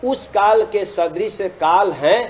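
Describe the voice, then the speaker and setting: A man's voice: sits high, slow pace, a little hiss or hum, low-quality recording. A man teaching Sanskrit grammar in a classroom lecture, drawing out words, repeating himself and prompting students to answer. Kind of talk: classroom lecture with call-and-response.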